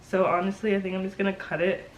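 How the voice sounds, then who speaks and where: A young woman vlogger with a slightly stuffy nose talks in an informal, halting way. Her voice sits at an average pitch and carries a light nasal congestion from a cold. There is some background noise around her. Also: flat delivery, low-quality recording. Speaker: sewing vlogger. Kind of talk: casual chatty vlog.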